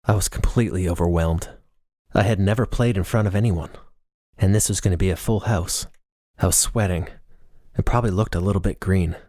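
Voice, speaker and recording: This is an audiobook-style reading: a man with a low voice tells a novel in the first person, brisk and warm in tone. The recording is dry with no echo from the room.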